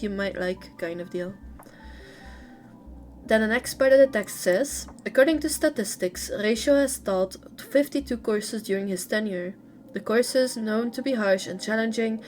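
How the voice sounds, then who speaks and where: Woman reading game lore with chatty asides. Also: medium pitch. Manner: chatty asides between read passages. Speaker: lore reader.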